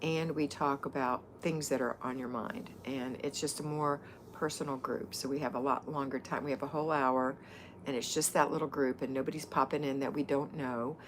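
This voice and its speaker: A woman's voice: rumbling low, fairly even intonation, normal speed, background noise. A woman hosting a live viewer Q&A, chatting casually and rambling with frequent ums and restarts. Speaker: livestream host answering viewer questions.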